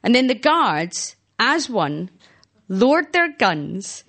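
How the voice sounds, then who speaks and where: A woman's voice: on the high side, sing-song, slow pace, a bit bright. A Scottish woman performing a self-mocking stand-up comedy set, laughing at her own punchlines. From Scotland. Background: audience laughter.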